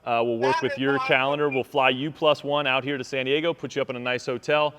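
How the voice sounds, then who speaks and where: A man's voice: mid-range voice, level tone, fast talker, background noise. A man hosting a live phone call to tell a winner about her prize, talking in an upbeat, enthusiastic way. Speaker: host calling a prize winner.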